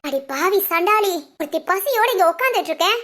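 A woman's voice: very high-pitched, expressive, brisk, a bit bright. A woman voicing a hungry, grumbling older village woman in a cartoon, complaining.

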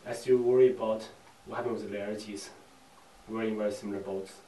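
A young man playing a scheming, vengeful young mob heir named Hamlet, speaking defiantly in an amateur drama, recorded in an echoey room with loud music behind. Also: fairly low pitch, steady tone, fairly quick, recorded from a distance, slight background noise, close to an everyday voice. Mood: brooding. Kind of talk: amateur crime drama acting. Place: indoor house room.

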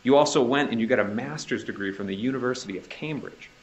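A man's voice: mid-range voice, fast talker, highs cut off, slight background noise. A man with a Boston accent cross-examining a witness in a courtroom, pressing her with leading questions that end in "right?". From Northeastern US. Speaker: prosecutor.

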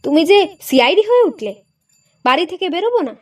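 A woman's voice: very high voice, sing-song, normal speed, distant mic, voice pushed up. A woman reading a story, voicing a wry, teasing elderly husband who jokes his way out of questions. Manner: wry, bantering.

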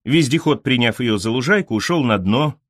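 Reading first-person literary fiction as an audiobook narrator, a man keeps his delivery measured yet expressive. His pitch sits in the middle but his intonation swings widely. The close-miked recording is very dry, with no room echo.

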